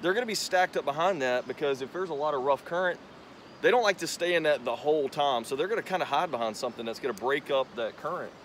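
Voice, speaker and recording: Fairly high-pitched and a bit bright, the young man's lively delivery carries over the rushing river as he hosts his fishing channel. He casually walks through his casting technique on the bank, caught by a tripod camera some distance away, with a little hiss or hum.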